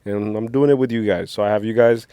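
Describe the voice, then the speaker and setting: A man's voice: on the low side, steady tone, quick pace, warm tone, clear, resonant tone, no echo. A man in his forties hosting a movie reaction, chatting casually and admitting he is nervous. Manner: rambling, nervous, joking about being scared. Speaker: reaction channel host. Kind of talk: casual chat.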